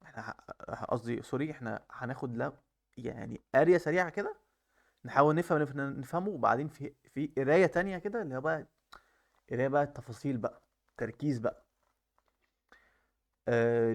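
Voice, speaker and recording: A young man with an Egyptian Arabic accent teaching software testing in a chatty way, talking straight to the viewer and mixing in English technical terms. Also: medium pitch, fast, creaky, long pauses. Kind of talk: casual screen-share lesson.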